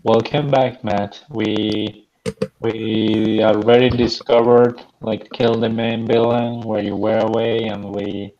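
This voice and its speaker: A man's voice: lowish voice, little pitch movement, takes it slowly, gravelly, a little mellow, slight background noise. A man chatting casually as a player in a tabletop game. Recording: dull, lo-fi voice chat.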